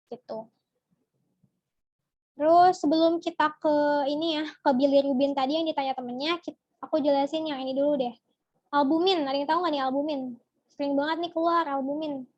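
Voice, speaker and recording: A woman's voice: sits high, darkish tone, no echo, dull audio. A young woman giving a casual online biology lesson, chatty and asking her viewers questions as she explains. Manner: chatty, asks the viewers questions and answers from chat. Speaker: biology tutor.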